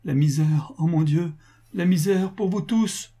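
A man's voice: mid-range voice, fairly even intonation, moderate pace, mellow, breathy edge. A man voicing a desperate, ruined merchant who stammers through convulsive sobs in an audiobook reading. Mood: anguished. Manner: sobbing, stammering, anguished.

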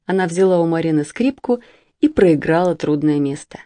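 A woman's voice: low-pitched, expressive, normal speed, mellow, no room sound. Woman reading a children's story. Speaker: audiobook reader. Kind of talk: storybook narration.

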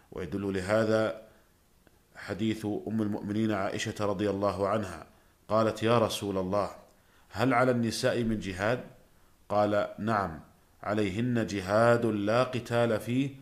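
A man with a fairly low voice delivers a scripted religious lecture. He speaks formal standard Arabic with measured, classical diction, in the manner of a scholar presenting on the radio.

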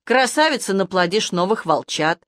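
A woman voicing a gruff old male werewolf police major who rants and lectures. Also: mid-range voice, very animated, normal speed, fairly bright tone, no echo, clean studio sound. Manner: ranting, lecturing.

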